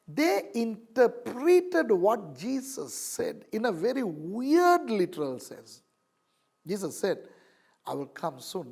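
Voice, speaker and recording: A man's voice: high voice, gravelly, a little mellow. A man with a Sri Lankan English accent giving an emphatic Bible lecture as a teacher, with vivid asides.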